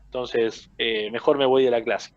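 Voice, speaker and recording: A man's voice: medium pitch, steady tone, unhurried, dull audio. A man with an Argentine accent teaching a coaching class, explaining with everyday examples and often checking in with his listeners. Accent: Argentine Spanish. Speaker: football coaching instructor. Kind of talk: casual classroom lecture.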